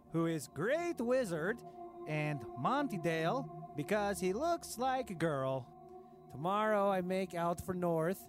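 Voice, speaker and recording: A man's voice: on the high side, lightly acted. A man doing a grandiose tyrant king. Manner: grandiose, broken formal grammar, slow. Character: cruel pompous self-adoring dictator king, adult man. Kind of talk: comedic audio diary reading. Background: music.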